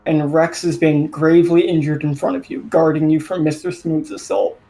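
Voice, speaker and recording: A man's voice: a little high, little pitch movement, normal speed, dark tone, soft background music. A man working as game master, narrating a tabletop role-playing game as he improvises.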